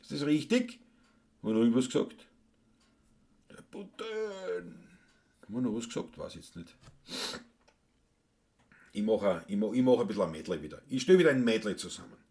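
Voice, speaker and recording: A man with a Viennese accent, chatting casually and gruffly on a solo live stream, joking and cursing between songs. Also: lowish voice, sing-song, fast, long pauses, a little mellow. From Austria. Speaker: solo livestream musician. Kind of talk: casual live-stream chat with Wienerlied singing. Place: home, indoors.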